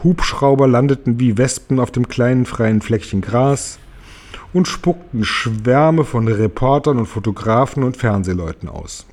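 A man reads a children's storybook aloud in a steady, clear way. His voice sits at an ordinary middle pitch. He tells the story at an unhurried pace. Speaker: audiobook reader. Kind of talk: storybook narration.

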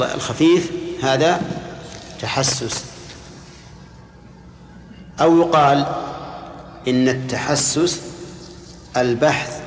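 A man giving a religious lesson, measured and explanatory, pausing to question his students. His voice rings through a large hall with a long reverb tail. A faint hum sits underneath. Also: medium pitch. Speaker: religious teacher. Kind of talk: lecture explaining hadith to students.

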